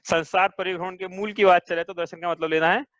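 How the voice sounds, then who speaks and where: A man with a high voice leads a scripture class, explaining point by point and checking his students with questions. The sound is dull and lo-fi, dry with no room echo. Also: steady tone, fast, a bit bright. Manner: patient, asks students questions. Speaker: teacher. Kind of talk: religious class lecture.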